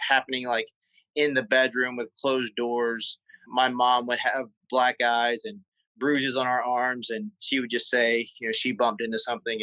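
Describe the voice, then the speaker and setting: Candid man, bright voice. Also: medium pitch, no echo, rough recording. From South Carolina. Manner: candid, halting, many restarts and fillers. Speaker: guest. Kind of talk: conversational interview storytelling.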